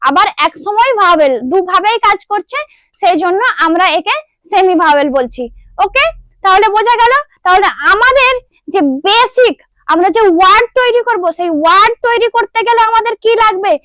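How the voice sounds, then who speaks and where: A woman's voice: extremely high pitch, fairly bright tone, no echo, studio quality. A woman teaching a beginners' English lesson, patiently asking her own questions and answering them. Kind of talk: classroom lesson.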